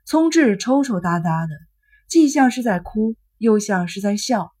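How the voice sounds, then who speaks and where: A woman reads a novel aloud as an audiobook narrator. Her voice is husky and a bit breathy. The reading is steady and measured. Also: mid-range voice.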